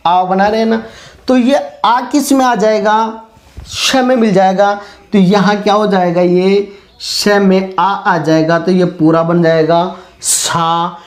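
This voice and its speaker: A man teaching a grammar lesson step by step, posing questions to his students and answering them himself. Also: high-pitched. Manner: patient, step-by-step explaining.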